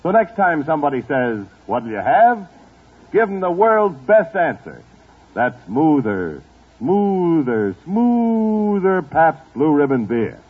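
Male radio announcer, 1940s, lively bouncing pitch, tinny old broadcast disc sound. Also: slight background noise. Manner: brisk, upbeat salesman's delivery.

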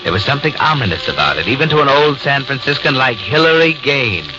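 A man's voice: mid-range voice, big pitch swings, fast, close to an everyday voice. A man playing an all-knowing mystery storyteller, narrating a 1940s radio drama in a brooding, suspenseful way. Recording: muffled vintage radio, loud music behind.

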